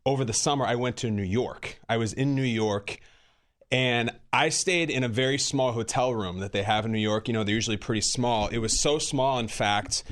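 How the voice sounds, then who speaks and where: A man from Chicago, a sidekick on a sports radio show, telling a quick story in a deadpan way. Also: mid-range voice.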